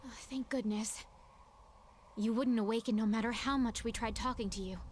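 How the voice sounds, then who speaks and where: Woman as a prim, high-voiced young samurai. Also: steady tone, normal speed, slight background noise, close to an everyday voice. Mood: relieved. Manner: formal, composed. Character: formal young female samurai, prim and exasperated. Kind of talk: dramatic game voice acting.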